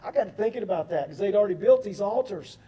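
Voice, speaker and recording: A man's voice: high-pitched, animated, fast talker, mellow, husky. A man preaching a sermon, reading scripture aloud and breaking off for chatty asides to his congregation. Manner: addresses the congregation as folks.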